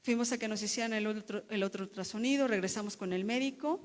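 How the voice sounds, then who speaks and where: A woman's voice: medium pitch, fast talker, in a large hall. A woman giving an emotional church testimony as a pastor's wife, telling her story with repetitions and restarts.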